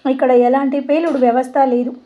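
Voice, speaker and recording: A woman voicing a sharp male lawyer who speaks urgently and alertly. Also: sits high, fairly even intonation, fairly quick, highs cut off, lightly acted.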